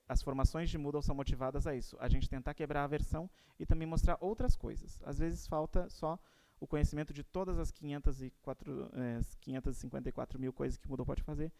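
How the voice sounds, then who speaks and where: A middle-aged Brazilian man gives a formal presentation at a council meeting, hesitating often and filling pauses with "é". His voice is dark and mellow, with a flat, even pitch and a smooth, clear tone. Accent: Brazilian Portuguese. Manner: hesitant, many "é" fillers and restarts. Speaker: graduate coordinator presenting to a university council.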